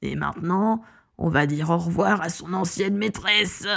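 A woman's voice: on the low side, measured pace, vocal fry, fairly bright tone, exaggerated voice. A woman reading an audiobook voices a crazed male wizard villain who gloats, taunts and threatens. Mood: menacing. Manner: taunting, triumphant, menacing. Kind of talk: audiobook character voice.

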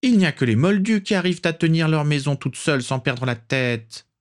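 A man's voice: a little high, a little fast, pitched above the performer's own voice, lightly acted. A man voicing a haughty, imperious old aristocratic witch in an audiobook. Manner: imperious, condescending.

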